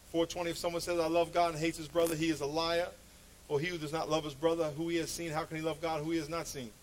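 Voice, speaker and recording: A male preacher with a slightly high voice delivers a conversational sermon full of anecdotes, speaking animatedly and emphatically and repeating phrases to drive his point home. The recording quality is low.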